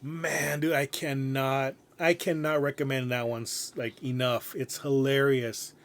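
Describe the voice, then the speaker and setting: Excitable man casually chatting on a podcast. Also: mid-range voice, measured pace. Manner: loose and excitable, heavy on "like" and "dude"; swears freely. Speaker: podcast co-host. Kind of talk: casual chat.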